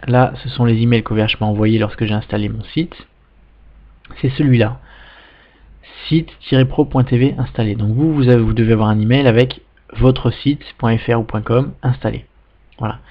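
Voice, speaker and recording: Patient man explaining software steps. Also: medium pitch, dull audio. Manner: patient step-by-step explaining, frequent "d'accord?" checks. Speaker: web tutorial instructor. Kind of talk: screen-recorded software tutorial.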